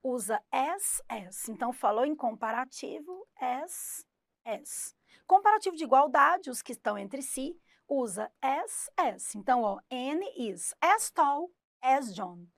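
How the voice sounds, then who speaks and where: A woman's voice: high-pitched, very animated, slow, dry recording, clean studio sound. A Brazilian woman teaching an English grammar lesson, explaining step by step and voicing her students' questions herself.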